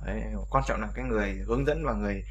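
A man's voice: lowish voice, racing, highs cut off, slight background noise. A Vietnamese-speaking man teaching English vowel sounds in a casual video lesson, repeating each sound and chatting with viewers.

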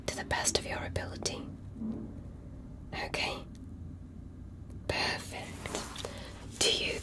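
With a natural voice, a woman whispers questions as a curious and polite alien doctor, keeping her ASMR medical roleplay gentle and methodical.

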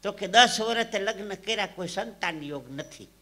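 Bright, high-voiced comic storyteller. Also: male voice, moderate pace. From Saurashtra, Gujarat. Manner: lively punchline delivery, swinging from hushed asides to loud bursts. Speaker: stage comedian and storyteller. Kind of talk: live folk comedy storytelling. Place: live stage show.

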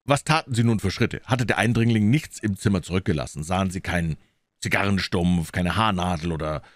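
A man reading an audiobook, voicing a shrewd, calm middle-aged detective who speaks low and measured, almost murmuring. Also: no echo, clean studio sound, lightly acted. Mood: calm, probing.

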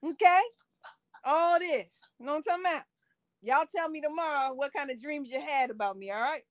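A woman's voice: high voice, fairly quick, no echo. A middle-aged woman hosting a casual livestream, playfully teasing and talking straight to her viewers. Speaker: livestream host.

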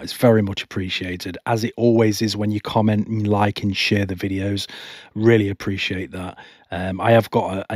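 A man's voice: low voice, slightly rough, dry recording, studio quality. A man vlogging about motorcycling from home, answering viewer questions in a nervous, rambling way with many restarts. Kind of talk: casual talk to camera, reading viewer questions. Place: home, not a studio. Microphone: home microphone.

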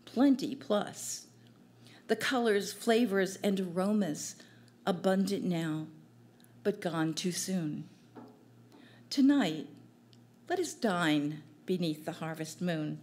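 Older woman, poetry reading, unhurried, gentle measured delivery, small cafe stage, stand mic. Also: mid-range voice, lively intonation. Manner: slow, gentle, measured recital. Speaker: poet at an open mic. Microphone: stand mic at a distance.

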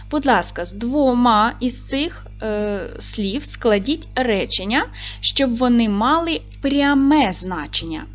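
A woman teacher giving a video lesson for young pupils, with clear, patient instructions and pauses for tasks. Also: mid-range voice. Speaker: primary school teacher.

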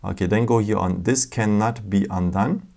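A man's voice: lowish voice, steady tone, normal speed, vocal fry, darkish tone. A man hosting a casual step-by-step phone tutorial, patient, with frequent fillers and non-native phrasing, recorded indoors at a table. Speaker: tech tutorial host.

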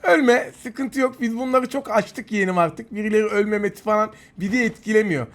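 A man commentating his own mobile shooter match, excitable and taunting his opponents, with bursts of yelling. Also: high voice, brisk, a little hiss or hum. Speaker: mobile game YouTuber. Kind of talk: gameplay commentary.

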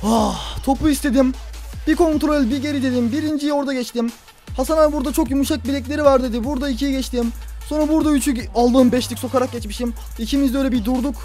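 A young man commentating his own football video game play, talking to himself and the players and yelling at big moments. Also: extremely high pitch, rapid-fire, faint music behind. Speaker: gaming YouTuber.

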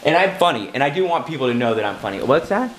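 A man with a raspy, hoarse voice from a cold, chatting casually and rambling a bit in a self-deprecating, jokey way to his vlog camera. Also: medium pitch, sing-song, quick pace, low-quality recording. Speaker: vlogger.

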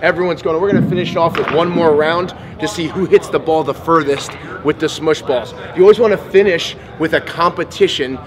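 Excitable high-voiced baseball coach. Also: male voice, brisk, hardly any pauses, crowd noise. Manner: excitable, exclaims at each hit. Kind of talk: on-field coaching demo with play-by-play. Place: large indoor sports training facility. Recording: music playing underneath.

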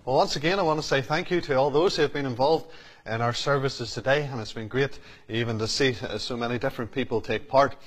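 A man's voice: medium pitch, quick pace. A man, speaking as pastor at a church service: he gives earnest, prayerful thanks, repeats key phrases, and reads scripture aloud. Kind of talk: church service address and Bible reading.

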